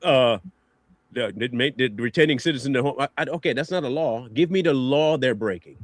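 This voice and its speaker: A man co-hosting a livestream, talking in animated, mocking banter. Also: mid-range voice, no echo. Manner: animated, mocking, quick to laugh. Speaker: livestream co-host.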